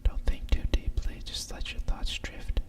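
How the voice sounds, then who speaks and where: Asmr bedtime story, all whispered right in your ear, real slow n soothing, soft breathy voice. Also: distant mic. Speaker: storyteller reading a picture book aloud with asides.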